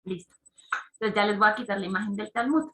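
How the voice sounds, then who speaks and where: A woman's voice: mid-range voice, quick pace, pushed and bright, reverberant, low-quality recording. A woman giving a conversational talk to parents, explaining ideas step by step and checking in with her listeners through questions.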